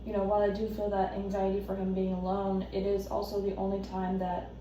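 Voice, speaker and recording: An anxious, devoted wife, acted by a woman in a role-play, talking haltingly as if justifying herself. She sounds distant from the mic in a strongly echoing room with noticeable noise. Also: mid-range voice, completely flat delivery, warm tone, lightly acted. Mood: anxious, apologetic. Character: anxious, devoted wife caring for her husband. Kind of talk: role-play counselling session. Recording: echoey room, distant mic, noisy background.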